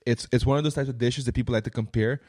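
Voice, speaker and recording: A young man from Curaçao, co-hosting a casual chat, animated and playful, swearing freely. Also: mid-range voice, very fast. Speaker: podcast co-host.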